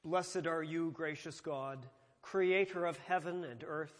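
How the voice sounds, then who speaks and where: A man presiding at a church liturgy, reciting prayers in a slow, measured way, with a long cathedral echo around his voice. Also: a little high. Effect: cathedral echo, long church reverb. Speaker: presiding minister. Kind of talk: leading a eucharistic liturgy. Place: large church sanctuary. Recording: long reverb of a large church.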